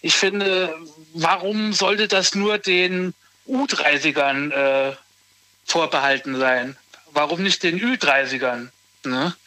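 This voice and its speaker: In casual conversation, a man in his thirties speaks haltingly, circling back, restarting often and using lots of fillers. His voice is high, bright and forward. The recording is dry, without room echo.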